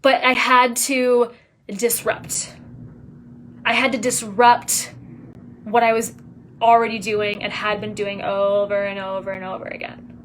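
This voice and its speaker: A woman coach giving a casual live talk, energetic and emphatic, dropping at times to soft, near-whispered lines. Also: mid-range voice, a little slow, slight background noise. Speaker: business coach.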